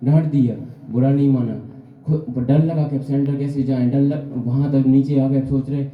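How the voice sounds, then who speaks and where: A man's voice: mid-range voice, steady tone, normal speed. Man, motivational testimonial speech, storytelling with acted-out dialogue, echoey hall, muffled sound. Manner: storytelling, acts out dialogue and asks rhetorical questions. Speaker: speaker at a business seminar. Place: meeting hall at a business center.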